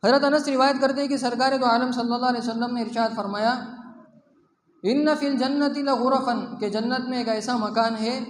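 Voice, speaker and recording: A man preaching a sermon, asking himself questions and answering them, and mixing Arabic quotations into plain talk. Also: sits high. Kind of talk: Islamic sermon. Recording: echoey hall, faint background noise.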